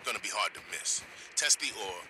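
A man's voice: lowish voice, expressive, fairly quick, noisy background. An actor playing a matter-of-fact male military lieutenant who gives terse, practical instructions over a CB radio in a video game. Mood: instructing. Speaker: radio contact giving a task.

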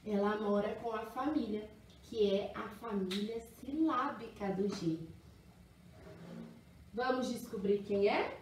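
A kindergarten teacher leads a children's phonics lesson, teaching letters in an exaggerated, singsong, encouraging way. Her medium-pitched voice is a little mellow, with slight background noise, and the mic sits at a distance in an echoey room.

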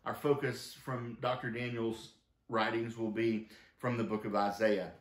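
A man's voice: mid-range voice, level tone, measured pace, reverberant. A man, the pastor, preaching a sermon and reading long quoted passages from a book aloud. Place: church sanctuary.

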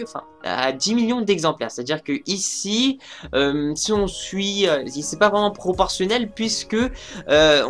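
A young man talking casually about game sales figures for his video channel, rambling with lots of fillers and restarts. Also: fairly high pitch. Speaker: gaming news YouTuber.

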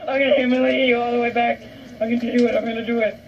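Very high-voiced boastful male gamer. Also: little pitch movement, very fast, creaky, highs cut off. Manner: casual, boastful, mutters callouts. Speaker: co-player. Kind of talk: casual gameplay chat. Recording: distant mic with loud background noise.

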